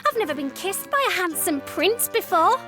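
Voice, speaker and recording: Squeaky high ostrich girl, bouncy and bright, super eager. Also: big pitch swings, moderate pace, soft background music, heavily acted. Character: cheerful, imaginative young female ostrich.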